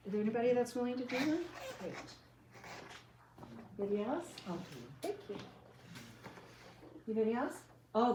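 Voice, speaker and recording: A woman leading a Bible class, giving casual, loosely worded instructions and rephrasing as she goes. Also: fairly high pitch. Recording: roomy echo with faint room noise.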